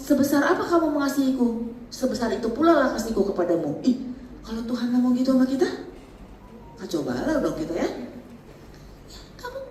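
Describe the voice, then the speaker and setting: A middle-aged woman, giving a lively church workshop talk. She is chatty and joking, laughs often and mixes in English phrases. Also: on the low side. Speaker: seminar speaker. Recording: echoey hall, mic at a distance, faint background noise.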